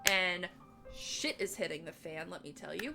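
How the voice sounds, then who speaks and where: Bubbly bright-voiced woman game master. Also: fairly low pitch, vocal fry, soft background music. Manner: bubbly and enthusiastic, quick to laugh. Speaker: game master and channel host. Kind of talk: casual chat introducing a stream.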